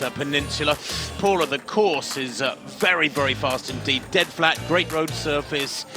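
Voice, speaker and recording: A man commentating on a road race, brisk and informative, over background music. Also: medium pitch.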